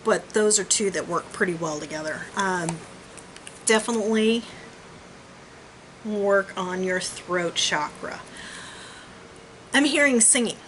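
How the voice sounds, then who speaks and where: A woman's voice: medium pitch, slow, pauses often, a bit bright, rough recording. A woman giving a casual, conversational spiritual healing reading, thinking aloud and trailing off into asides. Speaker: crystal and chakra healer giving a personal reading. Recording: clear background noise.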